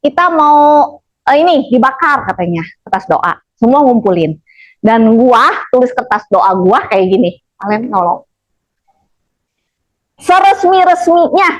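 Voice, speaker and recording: A woman's voice: on the high side, animated, measured pace, poor audio. A woman telling a story to a group in casual with a tinge, blunt and chatty, acting out what people said and laughing along. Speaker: storyteller addressing an audience.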